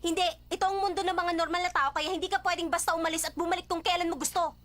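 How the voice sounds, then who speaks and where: A woman dubbing the part of a proud, sharp-tongued poor young woman in a drama. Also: medium pitch, fairly even intonation, fairly quick, slightly rough, natural voice. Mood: irritated. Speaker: dub actress. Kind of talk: Tagalog drama dub. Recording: dub with faint music underneath.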